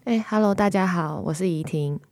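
A woman's voice: on the low side, fairly quick, darkish tone, no room sound, clean studio sound. A woman journalist with a Taiwanese accent chats as a podcast guest, speaking through a face mask. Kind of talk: conversational podcast discussion.

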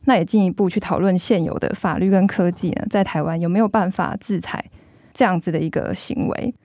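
A woman's voice: fairly low pitch, brisk, warm tone, no room sound, studio quality. A woman with a Taiwanese accent hosts a podcast as a journalist, speaking through a face mask. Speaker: magazine journalist hosting a podcast. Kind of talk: podcast hosting, semi-scripted narration and discussion.

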